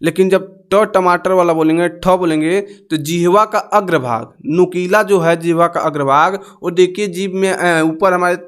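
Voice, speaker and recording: A young male teacher with a high, clear, smooth voice. He walks learners through exam grammar step by step, repeating each sound and drilling it with them. Patient, explaining tone. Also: normal speed, hardly any pauses, a bit bright. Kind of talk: exam-prep grammar lesson.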